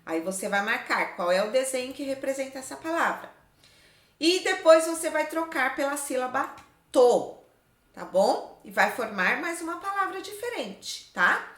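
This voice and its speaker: A woman teacher giving a literacy lesson to young children, explaining slowly in a sing-song way and often checking "tá?". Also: sits high, sing-song, fairly bright tone, roomy sound.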